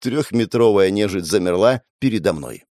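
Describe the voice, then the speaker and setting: A man's voice: on the low side, moderate pace, no echo. A man narrating a first-person audiobook in a sardonic, crude manner, recorded on a close mic. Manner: sardonic and crude, wildly expressive.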